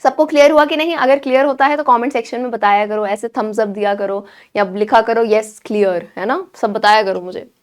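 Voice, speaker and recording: High-voiced young woman teaching. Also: fairly quick, hardly any pauses, clean tone. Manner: explains patiently, keeps checking in with students. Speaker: English teacher. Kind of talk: Hinglish poetry lesson.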